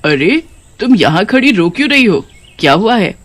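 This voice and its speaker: A woman voicing a kindly witch queen in a cartoon story, calm and commanding. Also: mid-range voice, moderate pace, no echo. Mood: regal.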